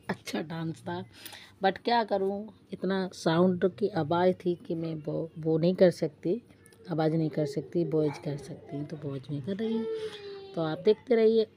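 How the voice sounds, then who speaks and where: A woman with a western Uttar Pradesh Hindi accent, vlogging casually at a crowded wedding venue and chatting straight to her viewers. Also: fairly low pitch. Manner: chatty, addressing viewers directly. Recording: noisy crowded wedding hall. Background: loud crowd and music.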